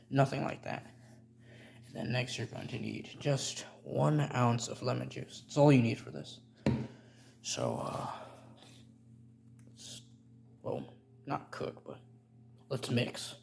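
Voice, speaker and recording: A man's voice: medium pitch, gravelly, a little hiss or hum. A man playing a rambling, stammering middle-aged chemist cook in a comedic how-to tutorial. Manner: rambling, stammering, self-correcting.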